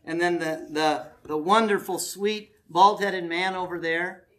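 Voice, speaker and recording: Here a family-camp pastor talks at a measured pace, his high-pitched voice slightly bright and fairly even in intonation. In a meeting hall he preaches, announces camp details, and jokes with the congregation in a folksy manner, coaxing them to volunteer.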